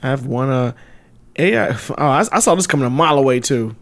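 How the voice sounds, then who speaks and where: A man co-hosting a podcast in casual chat, laughing often and retelling stories with lively put-on voices. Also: medium pitch, quick pace. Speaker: podcast co-host.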